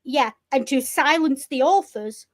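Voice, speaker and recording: A woman's voice: high voice, unhurried, dry recording, studio quality. A woman co-hosting a podcast, giving blunt, opinionated commentary in casual chat. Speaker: podcast co-host.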